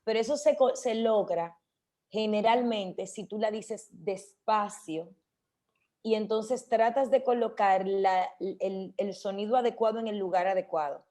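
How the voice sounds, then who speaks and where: A woman on a radio show, chatting and explaining how to pronounce hard words, slowing down to demonstrate. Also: medium pitch, mellow. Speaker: radio host. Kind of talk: casual radio talk about speech.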